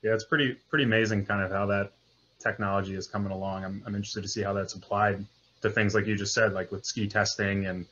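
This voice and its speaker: A man's voice: lowish voice, little pitch movement, fast talker, a bit bright. A young man in his twenties interviewing on a video call, hesitant and full of fillers. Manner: hesitant, filler-heavy questions. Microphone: video call webcam. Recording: dull lo-fi webcam audio.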